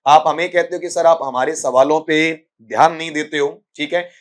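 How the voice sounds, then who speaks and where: A man's voice: on the high side, fairly even intonation. A man with a Rajasthani Hindi accent teaching English for exams, scolding students and drilling sounds. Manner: scolding, repeatedly asks "ठीक है?" and calls students "बेटा"; spells out sounds slowly and repeats words for drilling. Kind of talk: exam-prep lesson answering student questions.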